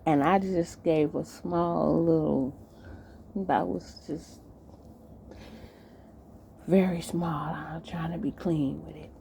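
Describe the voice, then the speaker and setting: Gravelly, slow-talking woman vlogger. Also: low voice, steady tone, mellow. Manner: fires rhetorical questions at her audience. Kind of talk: talking to viewers. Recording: noisy background.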